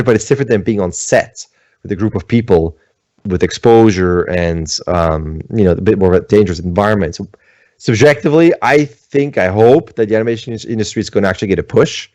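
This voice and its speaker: A middle-aged Swiss animator chats casually from home on a livestream, fielding questions and rambling with lots of fillers. His voice is fairly low and darkish, and he talks briskly. There's no echo, though the audio sounds dull.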